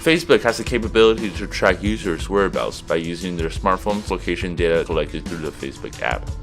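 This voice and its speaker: Deep-voiced young man narrating an essay. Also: a little fast. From Seattle, USA. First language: Chinese. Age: young adult. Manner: steady, explanatory reading. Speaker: student narrator. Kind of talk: scripted video essay narration. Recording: music behind voice.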